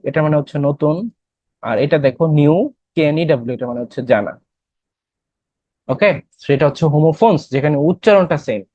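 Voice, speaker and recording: A young man with a Bangladeshi accent lectures an English class for admission tests, explaining in Bengali with English terms and quizzing students. His voice is fairly high and dark, and the lo-fi recording has no echo.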